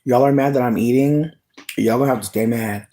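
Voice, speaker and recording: Someone livestreams a casual chat with viewers, snacking as they talk. Their medium-pitched voice moves fairly quickly, and they're sassy and expressive, swearing a lot.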